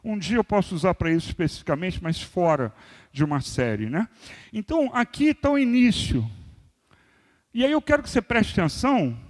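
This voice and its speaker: A man in his sixties preaching a sermon as pastor, moving between loud emphasis and quiet asides. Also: sits high. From Brazil. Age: 60s. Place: church hall. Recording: long reverb of a large church hall.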